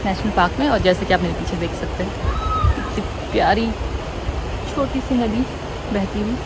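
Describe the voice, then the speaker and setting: A woman's voice: mid-range voice, animated, moderate pace, very noisy. A woman in her thirties from India, chatting to viewers by a forest river while filming on a phone held at arm's length. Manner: chatty, addresses viewers directly. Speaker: family vlogger. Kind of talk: casual travel vlog narration.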